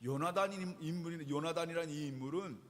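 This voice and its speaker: A male pastor preaching a sermon, telling the story in an animated way with rhetorical questions to the congregation. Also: on the high side, a little fast. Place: church sanctuary. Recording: reverberant church hall.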